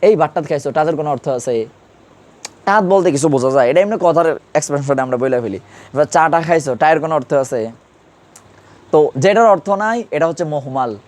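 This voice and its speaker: A man with a slightly high, expressive, somewhat mellow voice talks a little fast as he teaches an Urdu grammar lesson. He quizzes the class, firing repeated questions at his students.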